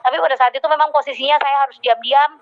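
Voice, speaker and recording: A woman's voice: high-pitched, steady tone, quick pace. A woman telling a heartfelt personal testimony to a congregation, with many hesitant fillers. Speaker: church member giving testimony. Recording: dull lo-fi recording.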